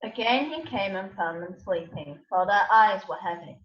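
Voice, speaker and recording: A woman's voice: mid-range voice, moderate pace. A woman giving a scripted narration of scripture as the narrator of a dramatised reading. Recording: echoey room, dull lo-fi sound.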